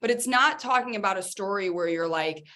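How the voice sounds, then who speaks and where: Woman co-host, chatty and animated, average pitch, casual podcast talk. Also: fairly quick. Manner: animated, chatty, lots of fillers. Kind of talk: casual chat.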